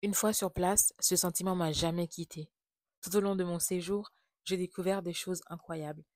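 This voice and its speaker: Soft-spoken woman from Haiti, low voice. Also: steady tone, moderate pace, no echo, clean studio sound. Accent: French. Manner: confiding, reflective, softly spoken. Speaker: vlogger. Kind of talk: personal travel storytelling.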